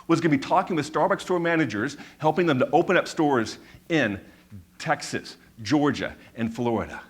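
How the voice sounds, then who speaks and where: A medium-pitched man in his fifties recounts a personal story during a stage talk. A stutter makes him repeat sounds and words, and he develops his ideas by repeating them in a measured, emphatic way.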